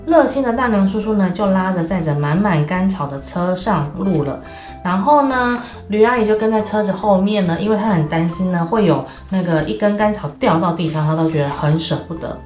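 A woman storyteller reads a children's tale in a lively, animated way and speaks straight to the young listeners. Her voice rings in an echoey room, and soft music plays behind her. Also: mid-range voice, fairly quick. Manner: lively, addresses children directly.

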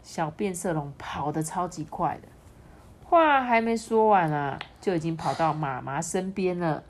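Animated woman reading a picture book. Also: fairly low pitch, measured pace. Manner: lively and animated, chatting with the listener. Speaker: storyteller.

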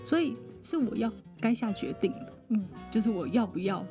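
A woman, a psychologist guest on a podcast, telling a personal story in a lively way, often laughing and mimicking other people. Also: on the high side, normal speed, faint music behind.

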